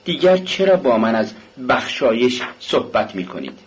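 A man reading an audiobook, voicing a bitter, sharp-tongued poor mother who is ill. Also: mid-range voice, big pitch swings, husky, lo-fi sound.

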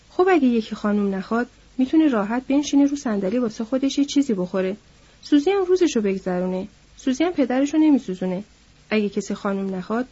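A woman voicing a chatty young male ranch hand who gossips loudly and eagerly, in a storybook reading. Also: on the high side, husky. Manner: loud, lively gossiping. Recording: dull lo-fi audiobook recording.

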